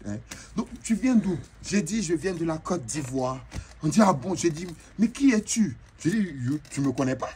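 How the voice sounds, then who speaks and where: Brief: a man doing a showy, bragging female braider chief with an Ivorian French accent, pitched fairly high and swinging wildly up and down. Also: a little hiss or hum. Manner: boastful, animated, mixes in broken English. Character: flamboyant boastful female braider chief from a market. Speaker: comedian. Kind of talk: comic monologue in character.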